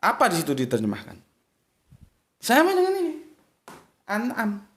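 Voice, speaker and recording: A man giving a casual spoken religious lesson to his viewers, chatty and emphatic, with big swings of pitch to stress his points. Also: wildly swooping pitch, normal speed, a bit bright.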